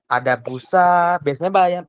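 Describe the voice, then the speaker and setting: A patient young woman working as a private tutor speaks at normal speed in a lowish, clean-toned voice during an online lesson. She asks many questions and trails off with "gitu," and the dry, echo-free recording is rough.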